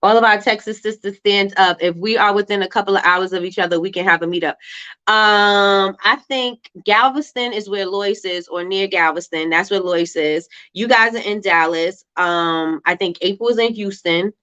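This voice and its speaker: A Brooklyn woman with a Brooklyn accent hosts a casual livestream, reading out comments and answering them in a loose, slangy style. Her mid-range voice is a bit bright and clean, moving at a moderate pace. The livestream audio is dull and lo-fi.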